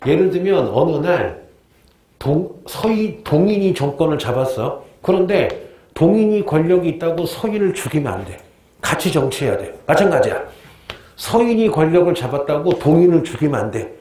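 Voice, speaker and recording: A male history teacher giving a lively lecture, often quizzing his students with questions. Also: a little high, moderate pace, roomy sound.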